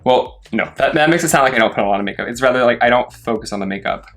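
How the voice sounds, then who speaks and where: A young adult man who performs as a drag queen, chatting casually in an animated, rambling, self-deprecating way while doing makeup. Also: medium pitch, very fast. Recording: music playing behind the voice. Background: music.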